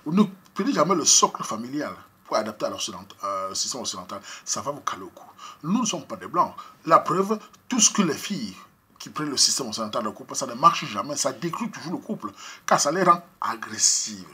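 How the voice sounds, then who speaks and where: Fast-talking Cameroonian man, bright rough voice. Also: mid-range voice, sing-song. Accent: Cameroonian French. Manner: preachy, repeats points, rises to emphatic outbursts. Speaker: vlogger giving opinions. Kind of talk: impassioned opinion monologue. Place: Europe.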